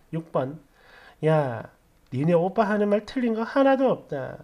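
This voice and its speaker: A woman's voice: medium pitch, darkish tone. A woman narrating online posts and comments as a story channel host, reading expressively and shifting between indignant and weary tones.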